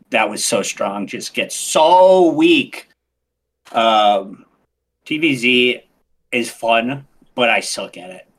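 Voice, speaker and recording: A man chatting casually as a podcast guest, animated and excitable, often restarting his sentences. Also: lowish voice, breathy edge. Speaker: podcast guest, game streamer. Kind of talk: casual interview chat.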